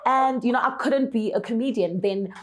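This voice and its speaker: A woman's voice: fairly high pitch, moderate pace. Casual young woman guest on a talk show. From South Africa, Eastern Cape. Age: young adult. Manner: casual, relaxed, lots of fillers like "you know". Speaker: guest, influencer. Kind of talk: studio interview. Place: bright studio set.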